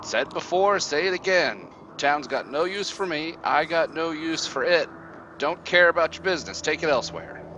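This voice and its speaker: A man voicing a surly, irritable old witch in a gravelly voice, speaking in curt, grumbling sentences for a tabletop game. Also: fairly high pitch, moderate pace, background noise, pitched above the performer's own voice, lightly acted. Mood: grumbling, indignant. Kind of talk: in-character tabletop role-play. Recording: music behind the voice.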